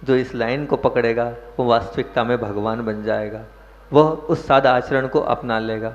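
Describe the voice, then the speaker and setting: A man's voice: medium pitch, steady tone, moderate pace. A man preaches a sermon as a monk, putting questions to his listeners and landing hard emphasis on single words. His voice rings through a large hall with long echo. The recording sounds dull and muffled.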